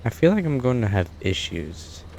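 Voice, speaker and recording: A young American man, a gameplay streamer, rambles casually through a truck-driving let's-play, full of dry asides and frequent self-corrections. His mid-range voice is very animated, creaky and darkish, at a moderate pace, with a little hiss or hum in the recording.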